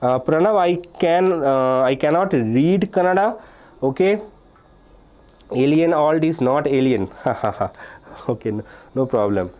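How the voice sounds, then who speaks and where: Here a young man from India runs a live online physics exam-prep session. His voice is on the high side and a little mellow, slow but with lively intonation. He works step by step, reads out students' names and chat answers, and repeats key points amid "uh"s and "okay"s.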